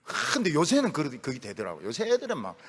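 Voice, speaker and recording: Animated pastor with lively pitch. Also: male voice, quick pace, husky, in a large hall. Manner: animated, folksy, humorous storytelling. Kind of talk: sermon.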